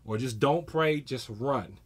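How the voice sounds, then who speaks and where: A man's voice: mid-range voice, takes it slowly, breathy edge. A man in his forties, a martial arts instructor, giving a casual self-defense talk and acting out stories with energy. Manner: animated storyteller, acts out scenes.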